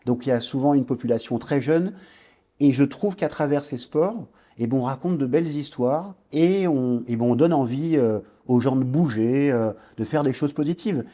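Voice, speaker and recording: A man's voice: medium pitch, moderate pace, mellow. A man in his forties from French Guiana, a guest entrepreneur recounting his career in an interview, hesitating and restarting often. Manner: reflective storytelling, frequent hesitations and restarts. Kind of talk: podcast interview.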